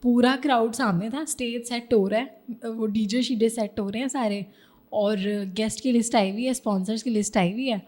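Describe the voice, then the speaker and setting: A young woman with a Pakistani Urdu accent, chatting as an interview guest about her stage debut, often clearing her throat. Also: a little high, fairly even intonation, a little mellow. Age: young adult. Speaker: guest, social media influencer. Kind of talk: casual interview chat.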